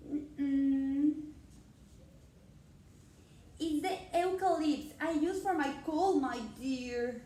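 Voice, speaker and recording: A woman's voice: high voice, extremely slow, pauses often, warm tone, far from the mic, a little hiss or hum. A woman voicing a sly wolf disguised as a grandmother, drawing out her reassurances in an echoey room with birds behind. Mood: soothing.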